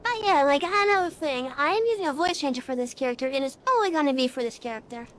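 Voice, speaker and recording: A woman's voice: sits high, lively intonation, fast talker, fairly bright tone, a little hiss or hum. A streamer in casual, rambling chat with many fillers, her voice run through an AI voice changer. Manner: rambling, chatty, frequent fillers.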